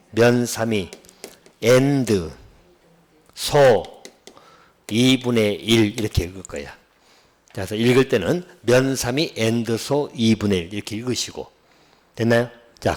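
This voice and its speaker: A man teaching an exam-prep real estate law class, bluntly drilling students and often asking whether they follow, slowing down to spell out key terms. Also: medium pitch. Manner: drills students with repeated check-in questions.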